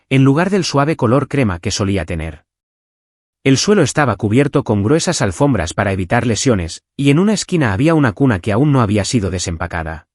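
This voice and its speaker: Male narrator, mid pitch, animated delivery, dry booth sound. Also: no echo. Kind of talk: scripted first-person story narration.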